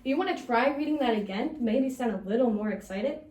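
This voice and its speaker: A woman's voice: on the high side, expressive, fairly quick, a little mellow, slight background noise. Upbeat young woman teaching a class. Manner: upbeat, encouraging teacher talk with laughs. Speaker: student teacher. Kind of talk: classroom micro-teaching lesson.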